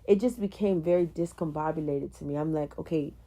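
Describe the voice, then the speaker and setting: A woman talking casually about a film on a podcast, lively, acting out scenes in raised voices and filling pauses with mm-hmms. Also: low voice. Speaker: podcast panelist.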